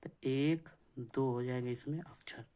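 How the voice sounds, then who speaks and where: A man teaching an exam-prep grammar lesson, slow and repetitive, counting things out and asking checking questions. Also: medium pitch, fairly even intonation, mellow, clean tone.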